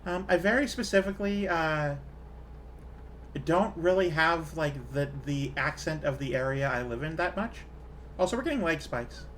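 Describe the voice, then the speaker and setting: A woman's voice: deep voice, lively intonation, normal speed, a little hiss or hum. A woman with a Canadian accent, chatting casually with her viewers while gaming, rambling with fillers and small laughs. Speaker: streamer.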